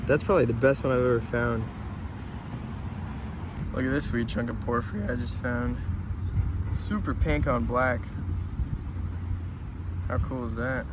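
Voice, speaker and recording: Male rockhounding vlogger, mid-pitched, relaxed and slangy, recorded outdoors with heavy ambient noise. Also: a little slow, long pauses. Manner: laid-back, slangy. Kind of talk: casual chat, outdoor vlog.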